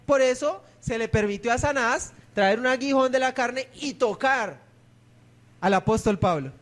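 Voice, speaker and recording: A pastor with a strikingly high voice preaches to his church. He keeps tossing questions at the congregation and then answering them himself. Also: normal speed, a bit bright. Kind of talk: sermon.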